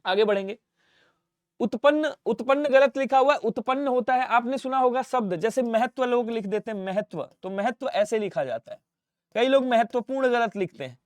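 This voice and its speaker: A male Hindi teacher runs an exam-prep lesson, firing quick questions and answers at students and repeating each spelling. His voice is very high, and there is no room sound.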